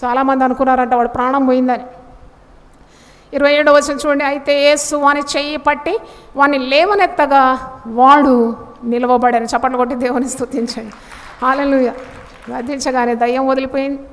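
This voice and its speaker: A woman's voice: high-pitched, fairly even intonation, a little fast, long pauses. A woman preaching a sermon with emphasis, asking the congregation questions and answering them herself. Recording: long reverb of a hall.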